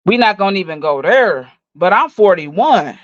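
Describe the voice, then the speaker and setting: A woman in her forties tears into someone with a cursing, mocking roast, her insults loud and relentless. Her voice sits at an ordinary middle pitch. The recording is dry and a little dull, like a budget stream mic. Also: lively intonation, normal speed, no room sound. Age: 40s. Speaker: livestream host. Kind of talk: angry roast rant.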